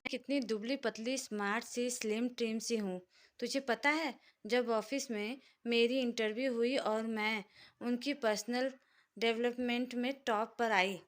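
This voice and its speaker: A woman voicing an excitable, scolding young woman friend in a spoken story. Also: on the high side, a little slow, lightly acted. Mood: excited, scolding. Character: irritable young wife's friend, dramatic woman.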